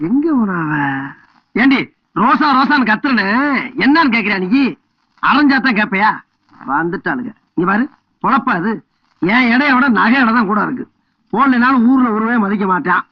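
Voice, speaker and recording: A boastful village headman husband who flares up fast and protests indignantly. His voice sits high for a man and sounds close and dry. The film soundtrack is dull and lo-fi. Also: expressive, no echo, full character voice. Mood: irritated. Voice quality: blustering, indignant. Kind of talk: film comedy acting.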